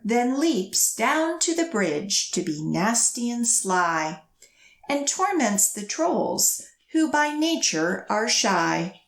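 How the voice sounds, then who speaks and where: In an echoey room, a woman with a mid-range voice runs storytime for young children. The children's librarian reads picture books with expression and gives encouraging, simple instructions.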